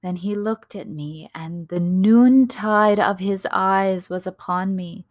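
A woman giving a dramatic, reverent reading of a narrative poem, hushed and lingering on words. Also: medium pitch, slow, no room sound, clean studio sound.

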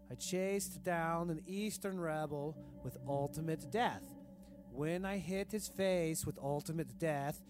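A man doing a grandiose tyrant king. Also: fairly high pitch. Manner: grandiose, broken formal grammar, slow. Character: cruel pompous self-adoring dictator king, adult man. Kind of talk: comedic audio diary reading. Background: music.

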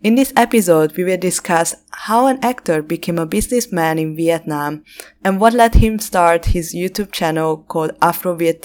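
A woman hosting a podcast interview, introducing her guest with enthusiasm. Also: lowish voice. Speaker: podcast host.

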